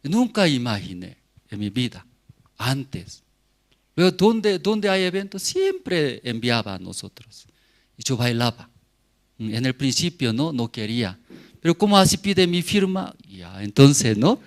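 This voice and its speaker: Slow-speaking pastor. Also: male voice, medium pitch, big pitch swings. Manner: slow, halting non-native Spanish with many asides to the congregation. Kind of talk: sermon testimony.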